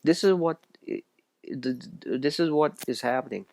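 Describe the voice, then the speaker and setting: A man's voice: mid-range voice, normal speed, gravelly, darkish tone, no echo. A man from Pakistan, giving an earnest, preachy solo commentary and often stumbling and restarting his phrases. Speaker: video essayist. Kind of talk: solo religious commentary monologue.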